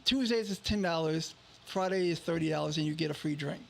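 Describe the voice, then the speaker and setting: A man's voice: fairly high pitch, a little fast, vocal fry. A man, a guest promoting his events, talking casually with many hesitations. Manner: hesitant, many fillers and restarts. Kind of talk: casual radio interview.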